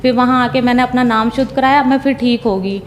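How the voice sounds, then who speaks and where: Woman, fairly high voice, emotional storytelling, keeps quoting what she said, long hall reverb. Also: fairly quick, a little hiss or hum. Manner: repetitive, retells dialogue with "I said". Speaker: devotee giving a testimony.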